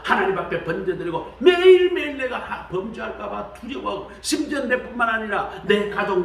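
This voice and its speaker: A man preaching a sermon in a colloquial, animated way, acting out the voices he quotes. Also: gravelly, echoey room, recorded from a distance, poor audio. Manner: animated, acts out quoted voices with shifts of pitch; colloquial, repeats "말이죠". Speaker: pastor. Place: church sanctuary.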